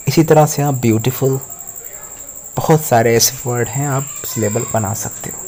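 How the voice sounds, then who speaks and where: A man's voice: medium pitch, mellow, slight background noise. A man teaching an English grammar lesson, explaining patiently step by step.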